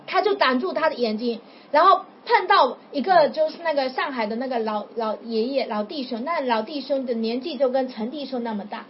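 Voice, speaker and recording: A woman preaching informally to a small group, telling a story in a chatty, animated way. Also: high voice, fairly quick, few pauses. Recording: dull lo-fi with faint noise.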